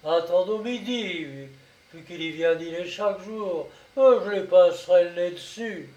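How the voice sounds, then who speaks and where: A man's voice: high voice, unhurried, warm tone, recorded from a distance, lo-fi sound. A man voicing a blustering rural gendarme sergeant who bellows orders in rustic speech. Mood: gruff. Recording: echoey room, voice set back.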